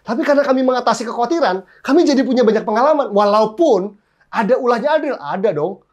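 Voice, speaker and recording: A man in his thirties, a pastor, preaching a sermon through lively, humorous personal stories full of exclamations. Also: extremely high pitch, fast, dull audio.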